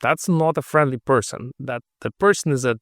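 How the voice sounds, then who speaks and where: In a laid-back podcast interview, a middle-aged Russian-accented guest speaks with careful thought, often restarting phrases as he hunts for the right words. His gravelly, mid-pitched voice sounds a bit bright, and the recording is dry and close, without echo.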